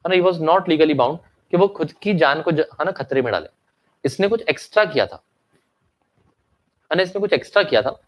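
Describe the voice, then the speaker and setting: A young man teaching an online lecture, mixing English into his Hindi, asking checking questions and coughing now and then. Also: a little high. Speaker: commerce exam teacher. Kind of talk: online lecture with story examples.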